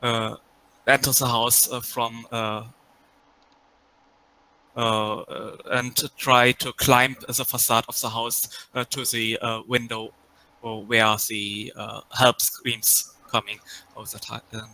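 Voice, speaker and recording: A man playing a tabletop game, describing his actions hesitantly with many pauses. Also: mid-range voice, level tone, sharp tone, rough recording. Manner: hesitant, full of "uh"s. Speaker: player.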